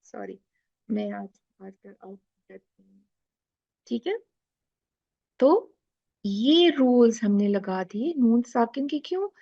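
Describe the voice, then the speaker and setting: A woman's voice: on the high side, animated, slow, vocal fry, pauses often, mellow, muffled recording. A woman teacher explaining recitation rules in a class, asking questions and drawing out letter sounds. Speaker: tajweed teacher.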